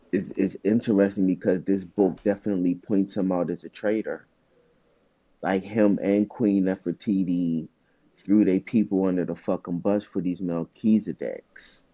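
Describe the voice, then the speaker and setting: Deep, husky man swearing through casual chat. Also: a little slow, long pauses, dry recording, highs cut off. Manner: loose, profane storytelling with excited jumps in pitch. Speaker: podcast co-host.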